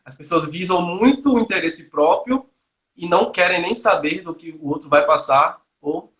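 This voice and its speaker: On roomy, echoey video call audio, a young nutrition student from Salvador, Brazil, earnestly explains his views. His voice sits high and is fairly bright, at a moderate pace, and he thinks aloud with frequent restarts and fillers.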